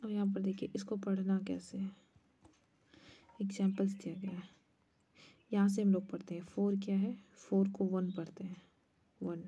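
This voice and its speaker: A woman's voice: mid-range voice, little pitch movement, moderate pace, creaky, pauses often, mellow, breathy edge. A woman maths teacher explaining place values step by step at a board, now and then muttering asides. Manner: mutters asides under her breath. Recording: muffled lo-fi recording.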